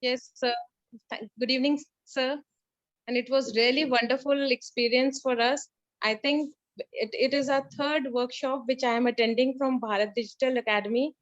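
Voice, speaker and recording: Female attendee, Indian accent, high pitch, spontaneous feedback, dull web-call recording. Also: fairly even intonation, normal speed. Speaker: workshop participant. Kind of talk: informal spoken feedback. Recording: dull lo-fi web conference audio.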